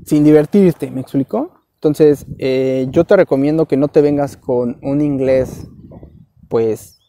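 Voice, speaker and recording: A young Mexican man vlogs casual advice in a warm, slightly high voice at a measured pace. His Mexican Spanish accent comes through as he rambles along in slang, constantly throwing in "güey."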